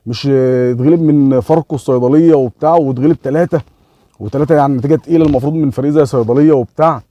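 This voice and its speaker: Fast-talking Egyptian man telling a story. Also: mid-range voice, no room sound, dull audio. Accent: Egyptian Arabic. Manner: animated retelling with quoted dialogue and repeated "ya 3am" fillers. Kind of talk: casual story told to camera.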